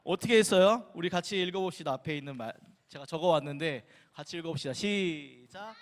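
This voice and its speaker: A man's voice: on the high side, fairly quick. A man leading a playful children's sermon in a church, asking the children question after question. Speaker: children's pastor. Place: church sanctuary. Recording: long reverb in a church hall.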